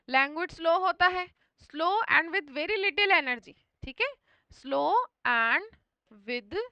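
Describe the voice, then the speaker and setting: A woman's voice: very high voice, bright, forceful tone, no room sound, highs cut off. A woman teaching English vocabulary for an exam in Hindi, mixing in English words and often checking in with her students. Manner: often repeats "thik hai" to check understanding.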